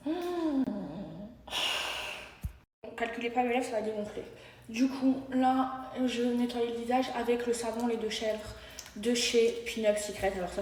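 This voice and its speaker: A young woman chats into her phone at home, dramatic and full of exclamations. Her voice sits a little high and bounces around an echoey room, with a faint hiss behind it. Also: darkish tone. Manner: dramatic, exclaiming, baby talk to her dogs. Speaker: vlogger. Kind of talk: casual vlog chat. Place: home, indoors.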